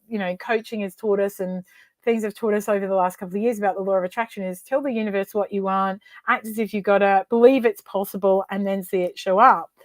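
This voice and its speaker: An expressive woman guest speaking as a coach and author, mid-height voice in a dry, close-miked setting. She talks in a conversational way and brings her stories to life with sudden vocal leaps. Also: quick pace, dry recording. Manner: animated, acts out dialogue with big pitch leaps. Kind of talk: conversational storytelling interview.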